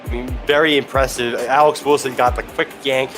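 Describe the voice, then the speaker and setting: A man's voice: mid-range voice, fairly even intonation, brisk, music in the background. A man working as a color commentator, giving conversational live baseball analysis.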